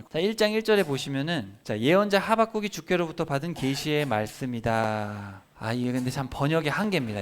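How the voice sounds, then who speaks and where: A man preaching a Bible sermon for children and families, explaining the text and acting out quoted prayers with lively shifts in voice. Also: mid-range voice. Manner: animated, acts out quoted prayers and God's replies. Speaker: pastor. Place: church service.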